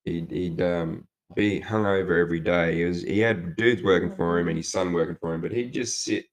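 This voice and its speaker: A young Australian man with a notably deep, low voice rambles through casual stories as a podcast co-host. He swears freely and drifts from one tangent to the next. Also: fairly even intonation, brisk. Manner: loose, rambling storyteller who swears and puts on voices for quotes. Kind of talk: casual chat.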